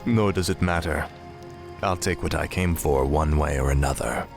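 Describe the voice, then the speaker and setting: Deep-voiced arrogant death knight. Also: male voice, moderate pace, creaky, over music. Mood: menacing, mocking. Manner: menacing, dismissive. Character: young fallen prince turned death knight, arrogant and cold. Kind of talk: fantasy video game acting.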